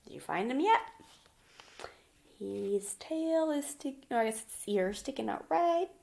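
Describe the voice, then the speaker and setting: Reading a picture book to a child as a lesson, a woman teacher explains it in simple terms and frequently poses questions to the listener. She sounds animated and unhurried, with a highish, gravelly, dark-toned voice.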